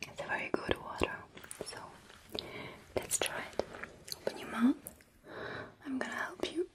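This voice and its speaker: A woman whispering softly and gently in an ASMR roleplay, caring for someone as a nurse-like caregiver. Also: sits high. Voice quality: breathy whisper. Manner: soft, gentle, slow whispering. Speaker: ASMR performer.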